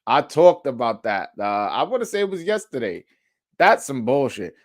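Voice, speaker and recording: A very animated man with a mid-range voice speaks at normal speed, hosting a live sports call-in show and chatting casually with commenters. He swears often, uses slang, and repeats phrases while thinking aloud.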